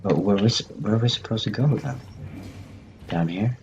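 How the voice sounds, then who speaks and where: A man's voice: fairly low pitch, moderate pace, creaky, darkish tone, dull audio, a little hiss or hum. A man hosting a let's-play video, talking through the game in jumpy bursts, repeating phrases to himself and talking back to the game characters. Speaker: gaming channel host. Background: game music.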